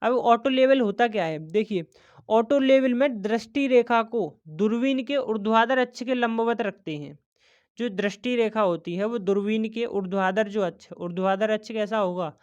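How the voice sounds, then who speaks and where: A woman teacher runs through exam revision, asking questions aloud and answering them herself. Her voice is smooth and clear but comes through slightly dull lo-fi audio. She often corrects her own terms as she goes. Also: mid-range voice, a little mellow. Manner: repeats questions to students, self-correcting.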